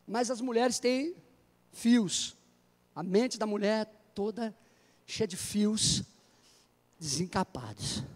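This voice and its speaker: Brazilian pastor joking through his sermon, long echo of the church hall. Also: extremely high pitch. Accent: Brazilian Portuguese. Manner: humorous, animated preaching with jokes.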